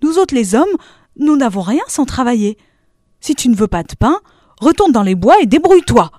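A woman's voice: fairly high pitch, very animated, moderate pace, darkish tone, no room sound, pitched above the performer's own voice. A woman voicing a storybook farmer, patient, matter-of-fact, dry sound. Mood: explaining. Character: patient, cheerful man harvesting wheat.

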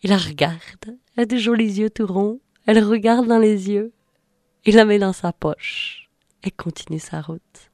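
A woman's voice: medium pitch, moderate pace, warm tone, dry recording, clean studio sound. A woman telling a children's story, drawn out and dramatic, dipping into whispers.

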